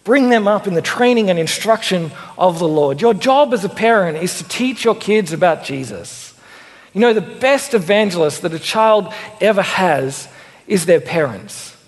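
A young man preaching a sermon in a conversational, animated way with self-deprecating asides. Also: high-pitched. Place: church. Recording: long church reverb.

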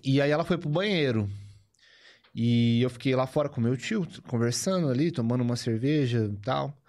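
A man's voice: medium pitch, normal speed, darkish tone. A man in his thirties chatting casually in an interview, telling a story in a rambling way and tagging his sentences with little questions. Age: 30s. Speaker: guest's husband.

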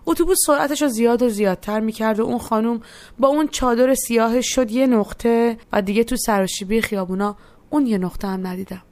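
A woman's voice: a little high, darkish tone, no room sound. A young woman narrating a personal story in a reflective, first-person way. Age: young adult. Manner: reflective, quotes others in voiced asides.

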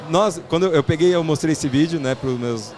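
A man's voice: a little high, normal speed, a little mellow, faint music behind. A man with a Brazilian Portuguese accent giving informal, explanatory interview answers as a podcast guest, often tagging on little check questions. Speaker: podcast guest, startup investment platform founder.

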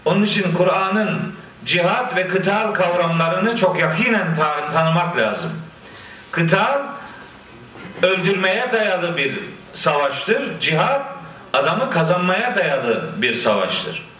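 A man preaching a sermon, quoting scripture in Arabic and explaining it with lively asides. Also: sits high, slow pace. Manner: lively, quotes Quran verses in Arabic and explains them. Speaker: Islamic preacher. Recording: echoey room, voice from a distance.

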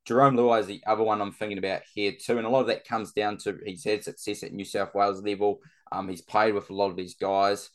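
Male sports-chat guest, lowish pitch, laid-back and slangy. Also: flat delivery, quick pace, a bit bright.

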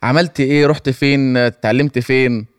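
Egyptian guy co-hosting, casual questions, talks fast, dry sound. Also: medium pitch, steady tone, clear, resonant tone, no room sound. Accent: Egyptian Arabic. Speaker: talk show co-host. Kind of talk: casual interviewing.

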